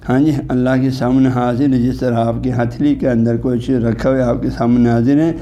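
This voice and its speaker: A religious scholar teaches in a very dark, mellow male voice, unhurried and explanatory. He often pauses to check in with his listeners. He slows down when he recites Arabic scripture and technical terms. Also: mid-range voice, muffled recording. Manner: patient, explanatory, repeats "haan ji" to check on listeners. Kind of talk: religious lecture.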